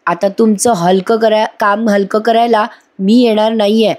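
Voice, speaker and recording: A woman's voice: medium pitch, fairly even intonation, unhurried, darkish tone, close to an everyday voice. A woman voicing a scheming young wife in a TV serial recap, whining and protesting in a raised voice.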